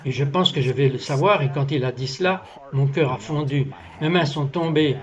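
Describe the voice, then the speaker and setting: High-voiced man dubbing a testimony. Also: moderate pace, dull audio. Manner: earnest storytelling, acts out the dialogue of his story. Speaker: interview guest telling a testimony. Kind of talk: French voice-over dub of a testimony.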